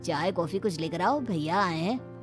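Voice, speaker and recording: A woman's voice: lowish voice, animated, moderate pace, over music, natural voice. A woman voicing a hearty village husband. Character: easygoing middle-aged village husband and father.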